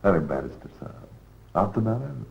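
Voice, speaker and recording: A man's voice: lowish voice, sing-song, moderate pace, creaky, darkish tone, a little hiss or hum. An actor playing a contemptuous, domineering official who talks down to his visitors, on a muffled old TV drama soundtrack. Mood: scornful. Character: scornful, domineering middle-aged man with authority. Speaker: powerful official holding a prisoner.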